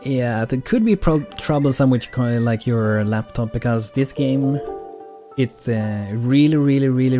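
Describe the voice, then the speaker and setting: A man streams a video game with casual, rambling commentary. His voice is mellow and medium in pitch, and he often repeats words for emphasis. Quiet music plays underneath. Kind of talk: casual live gameplay commentary.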